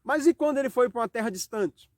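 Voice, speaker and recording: High-voiced Brazilian man preaching a sermon. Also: expressive, dry recording, clean studio sound. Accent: Brazilian Portuguese. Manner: rhetorical questions, slow dramatic scripture reading. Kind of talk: home worship sermon.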